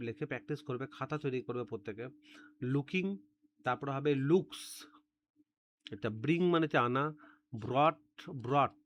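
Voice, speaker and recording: A man's voice: medium pitch, dull audio, slight background noise. Man teaching grammar, drilling words. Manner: explains step by step, repeats words and spellings for drilling. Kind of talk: classroom-style grammar lesson.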